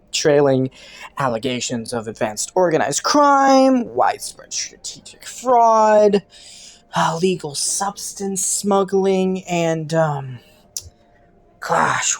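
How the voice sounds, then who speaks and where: Woman acting flirty, swooping, teasing criminal Killua. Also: medium pitch. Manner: playful, taunting, coy, drawn-out mock innocence. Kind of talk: scripted roleplay audio, intimate monologue to the listener.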